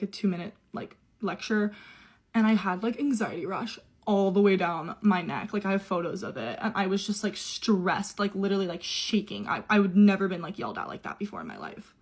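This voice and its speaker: A young woman telling a personal story in a casual, chatty way, full of "like" fillers. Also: mid-range voice. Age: young adult. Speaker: au pair telling her story.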